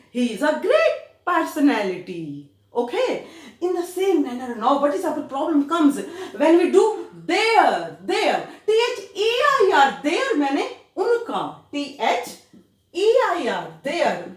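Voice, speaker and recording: A woman's voice: high-pitched, reverberant. A woman teacher with an Indian accent explaining English words, spelling them out letter by letter and switching between Hindi and English. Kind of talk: grammar lesson in Hindi and English.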